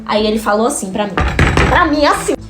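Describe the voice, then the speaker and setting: A woman telling a comic story in an animated, exclamatory way. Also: on the high side, loud music behind the voice. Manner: animated, exclamatory, fast-talking.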